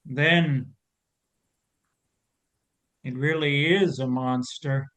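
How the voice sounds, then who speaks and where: A man playing a weary, gentle scarecrow who speaks slowly and soothingly. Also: mid-range voice, fairly even intonation. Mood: resigned. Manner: slow, measured, gently soothing. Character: weary old male scarecrow, gentle guardian. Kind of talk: audio drama reading.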